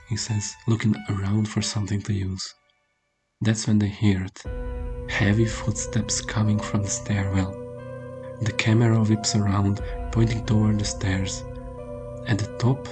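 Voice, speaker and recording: Low-pitched man narrating horror over music. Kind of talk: scripted first-person horror narration. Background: prominent music under the voice.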